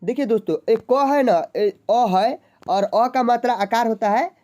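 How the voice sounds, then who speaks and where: A woman teaching basic reading, who quizzes her listeners and repeats each point slowly and patiently. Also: on the high side, warm tone. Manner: slow, drawn-out letter sounds. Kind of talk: basic literacy lesson.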